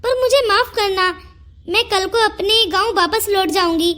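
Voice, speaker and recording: A shy, humble village girl in a cartoon story, as a woman voices her. Her voice is very high. She is polite and quick to apologise. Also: a bit bright.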